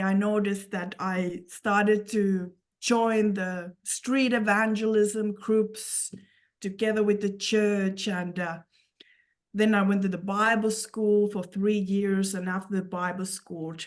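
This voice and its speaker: A Finnish woman with a Finnish accent gives an earnest personal testimony as an interview guest. She speaks in a mid-range voice, in halting phrases and repeating words.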